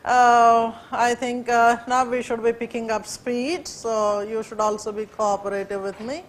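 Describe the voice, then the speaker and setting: This teacher, an Urdu-speaking woman from India, lectures her class in Indian English with a fairly high, steady voice at an unhurried pace. Her delivery is hesitant, packed with fillers and frequent restarts.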